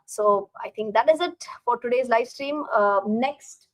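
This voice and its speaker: A woman with an Indian accent speaks in a fairly high voice. She hosts a live stream in a casual, instructive way, addressing viewers directly and often repeating short phrases. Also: unhurried, no echo, rough recording. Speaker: live stream host and finance teacher.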